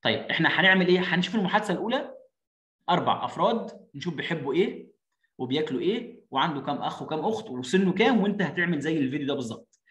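A man with an Egyptian Arabic accent giving an online English lesson, reading English lines slowly and translating them, repeating his points. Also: a little high, animated, a bit bright. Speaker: English teacher. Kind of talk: online lesson for parents and children. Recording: echoey room.

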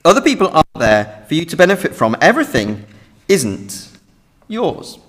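A man's voice: on the high side, huge pitch swings, moderate pace, fairly bright tone. A young British man preaching an earnest, emphatic sermon from a lectern in a large church hall. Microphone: standing at a lectern, lectern mic. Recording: reverberant hall.

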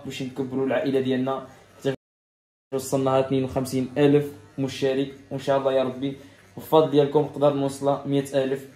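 Fast-talking Moroccan barber teaching. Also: male voice, medium pitch, dark tone, roomy sound, slight background noise. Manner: instructive, repeats steps, talks straight to viewers. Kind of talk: step-by-step haircut tutorial. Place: barbershop salon.

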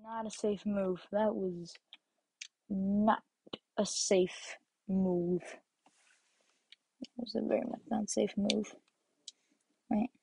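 A woman's voice: mid-range voice, level tone, slow, gravelly, pauses often, warm tone, breathy edge, no room sound. A woman giving casual, goofy gameplay commentary, talking to herself as she plays. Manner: playful, goofy, talks to herself. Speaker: gameplay streamer.

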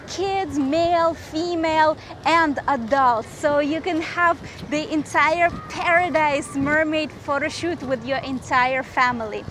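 A woman travel vlogger with a high, slightly bright voice narrates a casual walking tour at a resort lagoon, pointing things out in a chatty, upbeat way like a tour guide. It's recorded in the open air, with outdoor noise around her.

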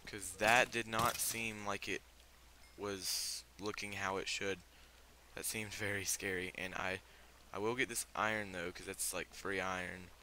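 A man's voice: low-pitched, flat delivery, measured pace, pushed and bright, a little hiss or hum. A teenage boy with a fever giving casual, rambling commentary on his game, full of fillers and startled reactions. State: sick with fever. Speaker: gamer.

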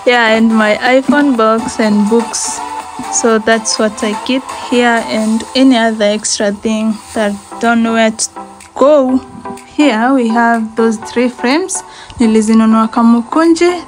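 Slow-talking young Kenyan woman vlogger. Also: a little high, fairly even intonation, over music, low-quality recording. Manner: chatty, mixes in Swahili phrases. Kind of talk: house tour vlog. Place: small apartment bathroom and bedsitter, indoors. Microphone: phone camera held in hand.

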